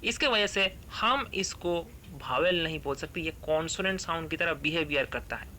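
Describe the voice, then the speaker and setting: A male English grammar teacher, reading rules aloud slowly and then explaining them, often asking the class a question and answering it himself. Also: on the high side, lively intonation, bright, forceful tone, slight background noise.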